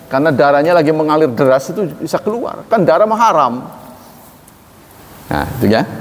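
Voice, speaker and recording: Preacher, man, casual lively sermon voice, acts out exchanges; hall reverb. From Indonesia. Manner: lively, acts out dialogues with animated pitch jumps. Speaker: Quran teacher.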